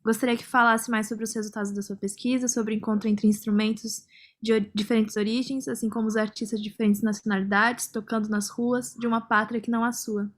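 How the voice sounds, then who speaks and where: A woman asking questions on an online academic panel, measured and reading out a colleague's question. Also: a little high, flat delivery. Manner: measured, reads a question aloud.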